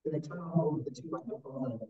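A man's voice: a little high, normal speed, dark tone. A man giving a public lecture through a muffled, garbled headset mic that makes him sound underwater, talking in a rambling, hesitant way. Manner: rambling, hesitant delivery with fillers and restarts. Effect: muffled, garbled headset-style mic pickup that sounds underwater. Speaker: guest lecturer. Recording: muffled lo-fi mic, far off in an echoey room.

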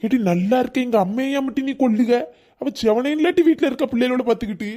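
A man's voice: extremely high pitch, fast, mellow. A man acting an exasperated husband with a Kanyakumari Tamil accent, scolding his wife. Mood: irritated. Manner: irritated, scolding. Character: exasperated husband leaving for work abroad. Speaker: comedy sketch actor.

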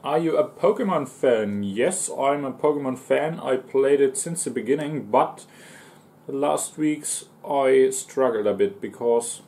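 This livestreaming mukbang host, a man in his twenties with a German accent, sounds animated yet measured, his mid-range voice a little mellow. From the sofa of a small living room he eats, reads out chat, and answers viewers between mouthfuls.

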